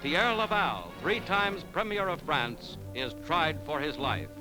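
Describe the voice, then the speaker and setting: A man's voice: a little high, sing-song, a little slow, poor audio. A man narrating in the dramatic, formal, emphatic style of a 1940s newsreel. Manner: formal, emphatic announcer phrasing. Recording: vintage newsreel soundtrack with music behind.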